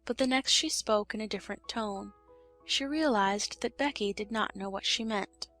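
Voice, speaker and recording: A woman with a medium-pitched voice narrates a children's story expressively, audiobook style, at a moderate pace. Soft music plays in the background.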